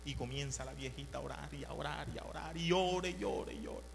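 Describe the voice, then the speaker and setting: A male preacher telling a story in a sermon, animated and repetitive, swinging from hushed to loud. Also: on the high side, brisk, creaky, big-room sound, soft background music.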